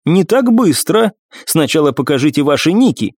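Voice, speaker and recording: A man doing a cold, composed young woman warrior in an audiobook, lifting his voice a little for her. She speaks calmly and curtly, with grim irony. The recording is dry and close. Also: fairly high pitch, normal speed, husky, no room sound, voice pushed up, heavily acted. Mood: cool. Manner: calm, curt, grimly ironic. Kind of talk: audiobook character voice.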